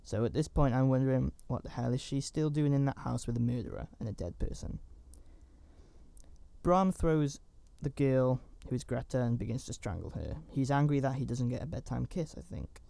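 A man's voice: medium pitch, lively intonation, moderate pace, creaky, mellow, dry recording. A man giving a casual, rambling recap of a horror movie, with chatty asides and fillers. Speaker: film reviewer.

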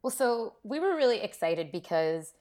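A woman's voice: mid-range voice, very animated, normal speed, dark tone. A woman researcher being interviewed, explaining her field informally in a conversational, checking way. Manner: informal, frequent "like" and checking "right?". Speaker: academic researcher, interview guest. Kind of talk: casual academic discussion.

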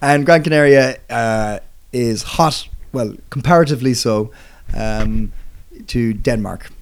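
A man's voice: medium pitch, slow pace. Rambling, self-correcting young male co-host. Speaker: podcast co-host. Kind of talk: casual chat explaining English phrases.

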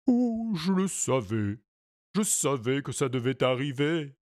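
A man reading a storybook, voicing a sad, worried male pony who speaks slowly and plaintively. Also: a little high, very animated, warm tone, no echo, clean studio sound, voice pushed up. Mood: mournful. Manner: mournful, slow and plaintive. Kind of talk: audiobook character voice.

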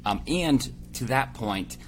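A man's voice: mid-range voice, expressive, slow. Casting: male podcast co-host, earnest and rambling, a faint hiss behind him. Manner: earnest, rambling, restarts phrases. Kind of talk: casual podcast chat.

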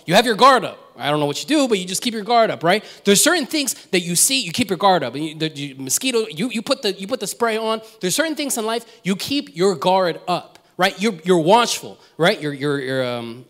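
A pastor delivers his sermon in a high, very lively voice, jumping into quoted lines and restarting his sentences as he goes. The sound carries a long reverb from a large hall. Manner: animated storytelling, acts out quotes, many restarts.

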